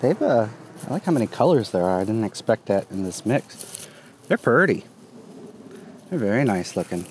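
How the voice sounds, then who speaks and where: A man in his thirties giving a relaxed, casual tour of his garden while filming outdoors on a phone held at arm's length, with plenty of ums and uhs. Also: lowish voice, normal speed, pauses often. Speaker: gardening vlogger. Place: outdoors in a sunny community garden. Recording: outdoor phone recording with traffic noise. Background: passing traffic and outdoor ambience.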